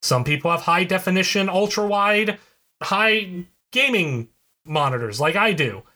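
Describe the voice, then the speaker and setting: Bright-voiced man explaining at length. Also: high-pitched, lively intonation, unhurried. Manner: explanatory, digressive, many restarts. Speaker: podcast co-host. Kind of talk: casual chat.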